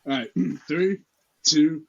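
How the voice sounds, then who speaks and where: A man's voice: a little high, takes it slowly, creaky, darkish tone, breathy edge. A man co-hosting a casual podcast, joking around and reading textbook passages aloud. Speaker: podcast co-host. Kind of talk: casual chat. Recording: dull lo-fi sound.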